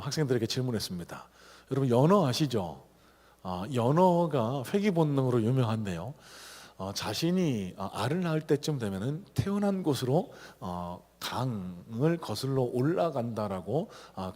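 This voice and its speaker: A middle-aged man preaching a sermon as a pastor, swinging between loud calls and low, quiet asides. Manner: acts out shouted cries and quoted voices. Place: church sanctuary. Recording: long hall reverb of a church.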